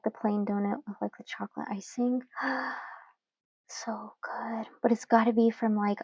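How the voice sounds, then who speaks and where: Slow, chatty young woman journaling. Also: a little high, no room sound, dull audio. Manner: relaxed, chatty, giggly, many fillers. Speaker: journaling channel host. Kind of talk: casual chat while journaling.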